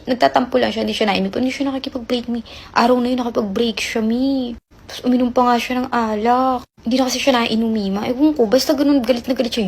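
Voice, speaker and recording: Fast-talking chatty woman telling a story. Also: a little high, a little mellow, breathy edge. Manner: chatty, rambling, many fillers. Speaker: caller sharing a relationship story. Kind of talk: casual confessional storytelling.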